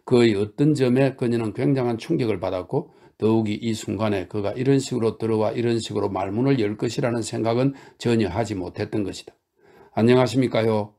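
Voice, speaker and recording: A man narrating a novel aloud in a steady, calm reading meant for listening at bedtime. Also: lowish voice, fast, gravelly, hardly any pauses. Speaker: audiobook narrator.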